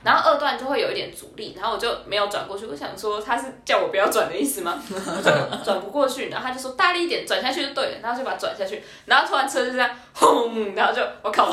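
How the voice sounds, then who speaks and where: A young woman, co-hosting a podcast and telling a story in casual chat, animated and laughing often. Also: a little high, fast talker. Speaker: podcast co-host. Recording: roomy echo.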